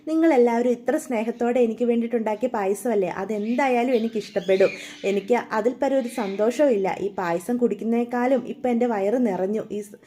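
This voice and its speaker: A woman voicing a gentle young pregnant wife in a serial retelling, soft and grateful. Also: a little high, fairly quick, a little hiss or hum, lightly acted.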